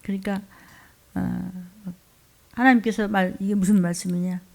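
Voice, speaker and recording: A woman's voice: medium pitch, fairly even intonation, normal speed, vocal fry. A woman pastor preaching a sermon, scolding and pleading, often dropping into a whisper.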